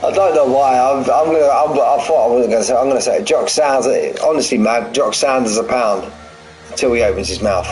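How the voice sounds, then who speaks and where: Over music and on a low-quality recording, a mid-range male voice talks at normal speed with long pauses. This sim racing commentator in his forties mixes live race calls with banter with his chat, staying jokey and repeating phrases.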